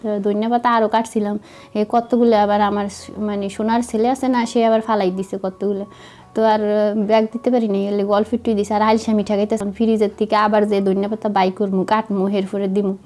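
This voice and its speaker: Fast-talking Madaripur-dialect woman, a bit hoarse. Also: medium pitch, level tone, a little mellow. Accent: Madaripur Bengali dialect. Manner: chatty, self-mocking, talks to viewers while cooking. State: slightly hoarse from a cold. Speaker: vlogger. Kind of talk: casual cooking vlog narration.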